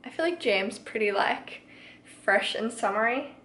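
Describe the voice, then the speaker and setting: A young woman with a New Zealand accent talks straight to her camera, upbeat and rambling, with plenty of "like". Her voice sits high. A steady hiss of noise runs under the home kitchen recording. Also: unhurried, poor audio. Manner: chatty, upbeat, rambling with many "like"s. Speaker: fitness vlogger. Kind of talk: casual vlog chat.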